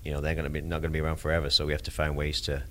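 A man answering an interview question as a coach, reflective and halting in his delivery. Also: rumbling low, completely flat delivery, sharp tone, slight background noise. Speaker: soccer coach.

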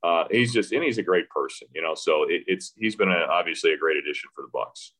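Low-pitched, fast, and a bit bright, the speaker is a radio play-by-play man sitting in as a podcast guest. His casual sports talk sounds hesitant and conversational, full of restarts as he thinks aloud.

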